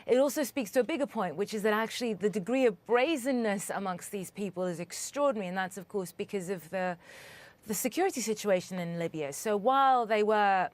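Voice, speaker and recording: A woman correspondent from Sudan answers interview questions in a medium-pitched voice, measured and earnest, often restarting sentences as she thinks.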